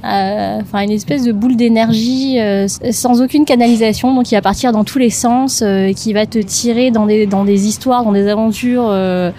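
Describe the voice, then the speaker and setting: Hesitant young woman, mellow voice. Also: fairly high pitch, fairly even intonation, moderate pace, hardly any pauses, a little hiss or hum. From Madagascar. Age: 20s. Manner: hesitant, many fillers and restarts. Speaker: podcast guest. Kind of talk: casual interview talk.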